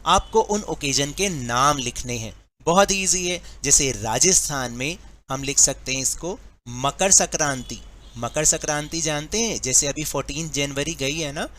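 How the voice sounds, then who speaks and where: Slow-talking Indian teacher, man. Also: fairly high pitch, a bit bright, a little hiss or hum. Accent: Indian English. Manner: slow, patient, counts aloud step by step. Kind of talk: worksheet lesson for school pupils.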